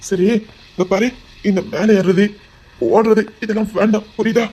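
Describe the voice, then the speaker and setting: An actor's high, husky, dark-toned voice holds steady at normal speed as he plays a remorseful young husband with a Tirunelveli Tamil accent. Choked with guilt, he coaxes urgently and anguished, in the style of melodramatic web-series acting.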